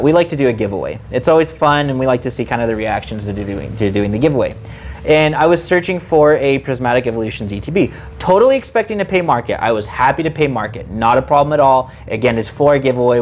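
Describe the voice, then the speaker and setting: Man, podcast co-host, exasperated and animated, mid-pitched. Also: slight background noise. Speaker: card shop co-host. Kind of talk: casual podcast chat.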